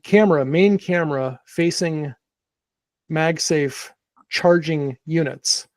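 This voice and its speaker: A man's voice: fairly high pitch, takes it slowly, no echo. A man co-hosting a podcast in casual chat, rambling with restarts and fillers. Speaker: podcast co-host.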